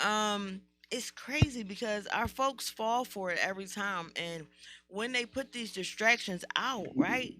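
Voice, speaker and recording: A woman's voice: on the high side, sharp tone. An American woman co-hosting a casual podcast, blunt and slangy, swearing freely, with slightly slurred, lisping speech from wearing retainers. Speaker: podcast co-host.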